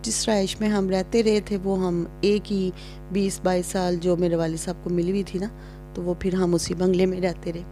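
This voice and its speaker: A woman from Pakistan telling a childhood story to her channel's viewers in a chatty way, growing lively as she acts out scenes. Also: on the low side, soft background music. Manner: chatty, reenacts scenes with rising excitement. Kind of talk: casual storytelling to camera.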